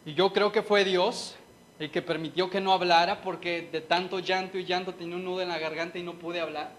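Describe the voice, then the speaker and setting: High-voiced man preaching earnestly. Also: fairly even intonation, brisk, fairly bright tone, a little hiss or hum. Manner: earnest, emotional, speaks to listeners directly. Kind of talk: sermon with personal testimony.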